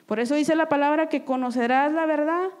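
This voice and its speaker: A high-pitched woman shares an earnest testimony in church. She speaks in a sermon style and keeps checking in with the congregation for agreement. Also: a little fast. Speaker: church member giving testimony. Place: church service.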